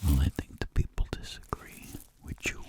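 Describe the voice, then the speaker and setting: A man whispers through an ASMR roleplay as a boastful rogue who travels the world trading in tingles, telling long-winded stories deadpan in a breathy, gravelly way. He talks at normal speed, close to his everyday voice, sounding playful and boastful.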